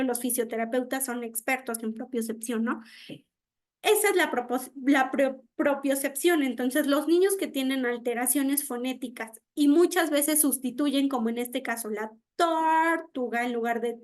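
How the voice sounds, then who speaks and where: High-voiced woman teaching speech therapy. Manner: explains with everyday examples and frequent "¿no?" checks; acts out children's mispronunciations. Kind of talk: online diploma lecture.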